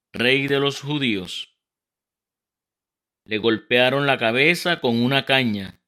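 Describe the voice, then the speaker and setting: Male lector, Puerto Rican accent, solemn liturgical reading, bright voice, very deliberate delivery. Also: mid-range voice. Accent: Puerto Rican Spanish. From Puerto Rico. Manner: slow, measured and solemn.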